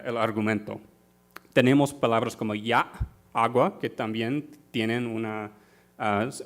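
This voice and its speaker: A man giving an academic conference talk in a university auditorium, speaking carefully with frequent fillers and self-corrections. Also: mid-range voice.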